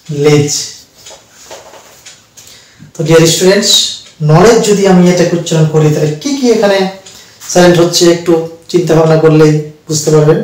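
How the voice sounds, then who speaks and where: A man's voice: on the high side, darkish tone. Echoey, distant Bengali man teaching. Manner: slow, repetitive explaining to students. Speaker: English teacher. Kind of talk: spoken lesson. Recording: very echoey room, distant mic.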